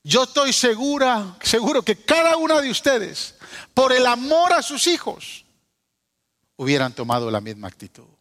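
A man preaching a sermon, telling a story and then teaching, swinging from hushed asides to raised cries. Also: extremely high pitch, very animated, moderate pace. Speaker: pastor. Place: church hall. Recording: preached in a hall with long reverb.

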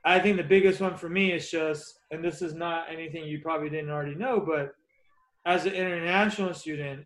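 A man's voice: on the high side, low-quality recording. A man hosting a podcast interview, talkative and encouraging as he sums up advice. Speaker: podcast host. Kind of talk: casual interview.

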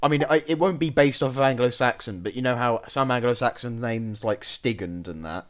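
A man's voice: medium pitch, a little fast. Male co-host, eager and chatty, laughs a lot, mid-range voice. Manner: excitable, laughs often, trailing restarts. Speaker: podcast co-host, archaeologist. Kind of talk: casual chat.

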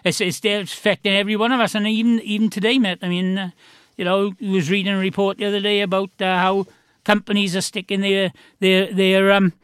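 A man with a South Wales Valleys accent and a high, clean voice hosts a casual chat. He rambles on in a matey, effusive way, as an interviewer among friends. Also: little pitch movement, fairly quick, a bit bright, smooth, no room sound, studio quality. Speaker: radio host, interviewer.

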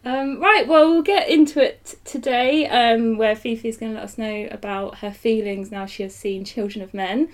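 A woman's voice: a little high, steady tone, moderate pace, few pauses, low-quality recording. A woman from the co-hosting a comedy podcast in a playful, jokey casual chat, laughing easily with her friend. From outskirts of London, England. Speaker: podcast co-host.

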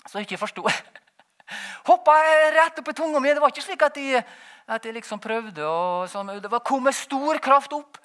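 A man giving a rambling, animated personal testimony, laughing as he tells it. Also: extremely high pitch. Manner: animated, rambling, frequent "vet du" tag; laughs while telling. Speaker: testimony speaker.

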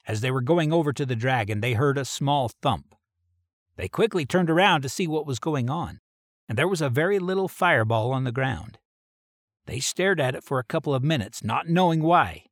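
A man's voice: mid-range voice, expressive, normal speed, no room sound, clean studio sound. A man reading an adventure story aloud in a plain storybook manner.

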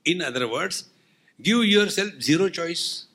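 A man's voice: high-pitched, lively intonation, a little slow, bright, forceful tone. A man with an Indian accent giving a spiritual discourse as a swami, telling humorous anecdotes in a wry, teasing way with rhetorical questions.

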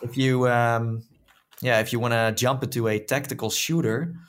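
A man's voice: medium pitch, flat delivery, moderate pace. A man with a Dutch accent hosting a casual gaming news chat, talking with many fillers and restarts. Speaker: podcast host.

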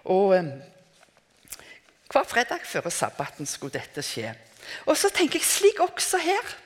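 An older woman giving a reflective, conversational sermon, often pausing to restart her thoughts. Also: medium pitch, wildly swooping pitch. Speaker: preacher. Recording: reverberant hall.

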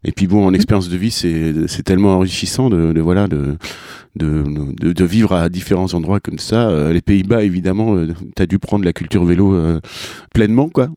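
Brief: male podcast host, very low and dark voice, rambling with fillers and restarts. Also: normal speed, no echo, clean studio sound. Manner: rambling, many fillers and repeated words. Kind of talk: casual interview chat.

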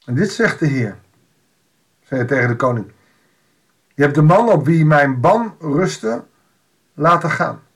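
A man's voice: a little high, animated, measured pace, long pauses. A man giving an informal Bible devotional, reading a passage aloud and explaining it in a conversational way with wry asides.

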